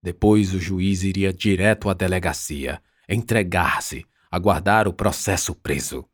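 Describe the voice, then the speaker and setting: Husky low-voiced male audiobook narrator. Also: unhurried, dry recording, clean studio sound. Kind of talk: scripted narration.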